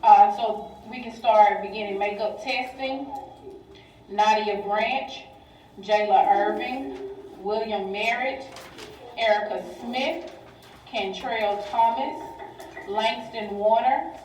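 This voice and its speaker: A woman's voice: on the high side, takes it slowly. A woman making a school intercom announcement, reading out a list of student names to report to the office. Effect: school intercom loudspeaker. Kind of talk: public address announcement. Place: heard over a classroom speaker. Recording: echoey distant intercom speaker with faint noise.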